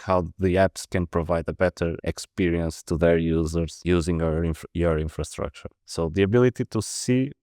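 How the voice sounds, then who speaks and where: Deep-voiced Portuguese man, halting speech. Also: dark tone, no echo, clean studio sound. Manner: hesitant, many restarts and fillers. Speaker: podcast guest, protocol lead. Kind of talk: casual interview answers.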